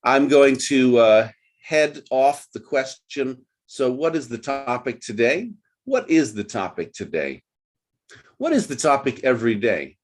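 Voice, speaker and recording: Leading a group English class by video call, this man is very animated and a little slow, his pitch sitting in the middle range. He coaches patiently and says phrases again so learners can follow.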